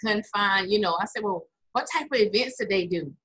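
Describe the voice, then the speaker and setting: An American woman hosts an online interview with lively enthusiasm. She leans into her words for emphasis. Her voice is bright, with a clear, forward edge. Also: medium pitch, a little fast, poor audio. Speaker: host.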